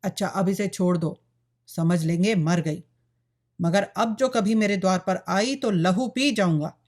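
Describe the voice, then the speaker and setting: A stern older village father, as a woman narrator gives him voice, blunt and fearless. He speaks flatly and firmly, close to the narrator's own voice. A plain storybook figure. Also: mid-range voice, unhurried, natural voice.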